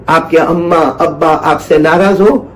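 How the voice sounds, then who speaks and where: Male preacher, high voice, earnest storytelling sermon with repeated phrases. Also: steady tone, a little hiss or hum. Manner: chants Quranic verse slowly. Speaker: Islamic preacher. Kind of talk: religious talk.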